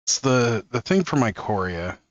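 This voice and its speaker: A man's voice: medium pitch, sing-song, normal speed, no room sound, highs cut off. Amused man reading cards aloud. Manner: amused, chuckles often while reading. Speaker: card-opening channel host. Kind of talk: casual reading of card text.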